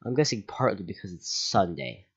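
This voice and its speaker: Man, low voice, reading online posts aloud, sarcastic asides, dull lo-fi sound. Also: very animated, moderate pace, gravelly, breathy edge. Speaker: channel host.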